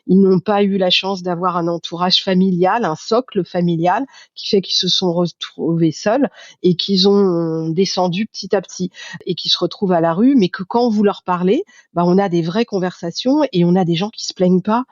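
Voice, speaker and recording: A woman in her fifties from Paris, speaking as a podcast guest, reflective and halting, with many fillers and restarts. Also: on the low side, no room sound, dull audio. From Paris, France. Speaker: guest, communications agency founder. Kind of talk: podcast interview.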